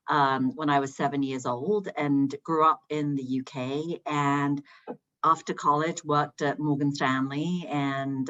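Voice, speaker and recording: A woman from Iran who grew up in the UK, telling her career story on a panel in a halting way with many ums. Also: deep voice, a bit bright, highs cut off. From Iran, raised in the UK. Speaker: panelist, managing partner.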